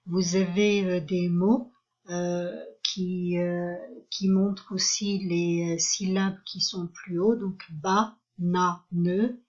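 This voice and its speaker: A woman giving an online French lesson, spelling out syllables slowly and carefully, with frequent hesitations. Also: lowish voice, flat delivery, darkish tone, lo-fi sound. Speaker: French teacher.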